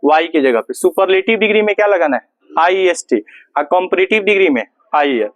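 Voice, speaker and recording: A man's voice: sits high, animated, fairly quick, no room sound, rough recording. A man teaching an English grammar lesson in Hindi with a Bihari accent, firing questions and answering them himself in a repetitive drill. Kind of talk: classroom lesson.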